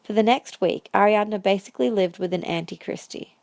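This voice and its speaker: Narrating story prose for a scripted audio drama, a woman speaks briskly in a medium-pitched, darkish voice with vocal fry. The sound is close and very dry, with no room sound at all.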